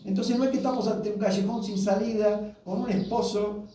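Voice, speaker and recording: A pastor in his sixties with an Argentine Spanish accent leads a marriage workshop in a church hall, giving married couples a warm, colloquial sermon and asking the audience questions along the way. His voice is high, fairly even and fairly quick. The very echoey hall makes him sound far off, with faint noise.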